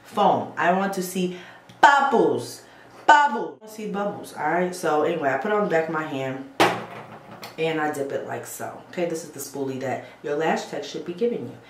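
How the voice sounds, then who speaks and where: With a low-pitched voice and a brisk pace, a beauty vlogger runs through a casual bathroom-sink tutorial, chatting and checking in with "okay?". The audio carries background noise, a roomy echo and faint ambience.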